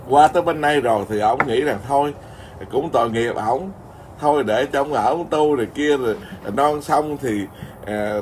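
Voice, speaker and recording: Rambling monk, high-ish voice. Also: male voice, darkish tone, slight background noise. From Vietnam. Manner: rambling, colloquial storytelling with many restarts. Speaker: Buddhist monk. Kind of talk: informal Dharma talk.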